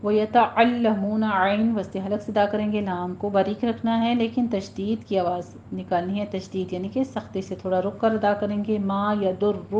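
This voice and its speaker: A woman teaching Quran recitation rules, with a Pakistani Urdu accent, speaking patiently and drawing out example words slowly to demonstrate. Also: mid-range voice, fairly even intonation, mellow. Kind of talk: tajweed lesson, explaining and demonstrating recitation. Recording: dull lo-fi recording with faint hiss.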